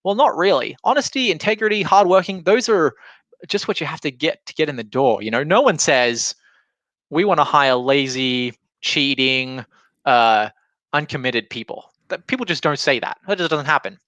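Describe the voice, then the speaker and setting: A man's voice: fairly high pitch, very animated, brisk, a bit bright, no room sound. A man giving an informal explanatory talk as a business trainer, in a conversational way with illustrative examples. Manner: conversational, illustrating points with imagined quotes. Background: alarm going off.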